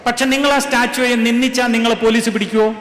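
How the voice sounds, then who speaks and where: A man's voice: extremely high pitch, little pitch movement, fast talker, fairly bright tone. A man preaching a sermon, firing rhetorical questions and urging the crowd to answer aloud. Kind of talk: sermon to a congregation. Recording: echoey hall with faint ambience.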